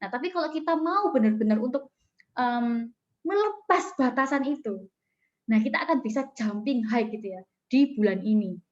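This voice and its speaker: A woman's voice: on the high side, animated, moderate pace, dull audio. A woman mentor giving a coaching talk and telling a story, chatty and full of fillers, addressing her audience often over a video call. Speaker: business mentor.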